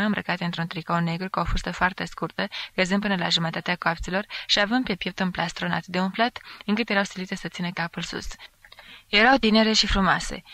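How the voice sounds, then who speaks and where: An audiobook narrator reading a classic novel aloud in a steady literary reading style, now and then lifting the voice to act out shouted lines. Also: mid-range voice, dry recording. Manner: acts out quoted shouts with a raised voice.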